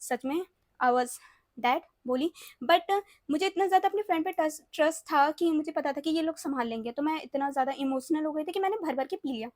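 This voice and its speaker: A young woman tells a personal story in a casual vlog, with a very high voice. She chats freely, mixes English phrases into her Hindi and repeats words as she goes. Her voice sounds dry and close. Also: brisk, a little mellow, no room sound. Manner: repeats words, often checks in with the listener. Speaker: storytime vlogger.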